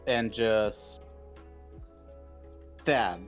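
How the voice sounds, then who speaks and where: A man's voice: on the low side, very slow, faint music behind. Blunt male tabletop player.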